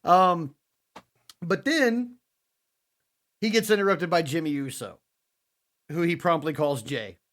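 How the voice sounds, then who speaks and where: A podcast co-host with a slightly high voice, speaking at normal speed, retells the week's wrestling shows in a casual, animated way, acting out what the wrestlers said.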